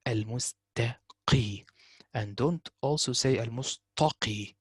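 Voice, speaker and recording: A man teaching a tajweed lesson, slowly repeating words to show correct pronunciation. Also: mid-range voice, dry recording. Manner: explains slowly, repeating words in Arabic recitation. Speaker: Quran recitation teacher.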